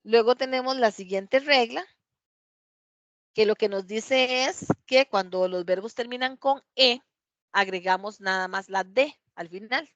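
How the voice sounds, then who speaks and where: A woman's voice: on the high side, fairly bright tone, no room sound, lo-fi sound. Woman teacher reading English examples. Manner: reads English examples aloud slowly, checks with "¿verdad?". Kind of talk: classroom grammar explanation. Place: classroom.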